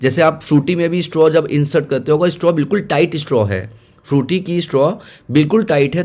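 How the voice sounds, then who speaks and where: A man's voice: a little high, darkish tone. A man teaching, walking students through exam questions and repeating key points as he mixes in English terms.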